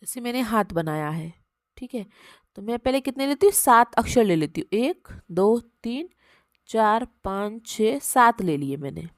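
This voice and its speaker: A woman's voice: medium pitch, animated, measured pace, no echo. A woman teacher giving a simple maths lesson to young children, patiently counting aloud and speaking to them kindly as "beta".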